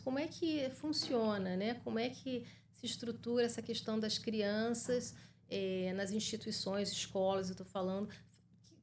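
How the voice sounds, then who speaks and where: A woman with a Brazilian accent, a psychologist answering interview questions and acting out quoted dialogue with lively vocal shifts. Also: a little high, a little hiss or hum. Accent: Brazilian Portuguese. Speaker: guest psychologist.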